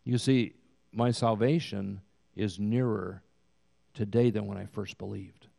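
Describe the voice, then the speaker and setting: A man in his sixties preaching a sermon as pastor, with slow, emphatic delivery that swells to loud peaks, recorded in a church sanctuary. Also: lowish voice, fairly even intonation, gravelly. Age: 60s. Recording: long hall reverb.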